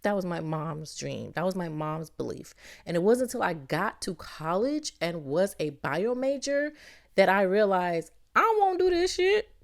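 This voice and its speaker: Gravelly and on the low side, the voice of a middle-aged Barbadian podcast host delivers motivational talk at a normal speed. She is upbeat and teasing, addressing the listener as "baby."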